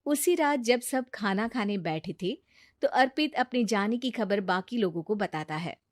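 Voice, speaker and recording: A woman doing scripted storybook narration for a family cartoon, plain and even. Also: medium pitch, measured pace, no echo, studio quality.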